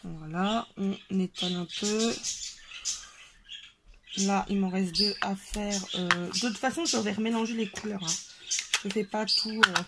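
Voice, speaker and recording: A woman's voice: mid-range voice, fairly even intonation, a little slow, pauses often. A woman hosting a casual craft tutorial at her table, chatty and hesitant, with frequent fillers. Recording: noisy home recording.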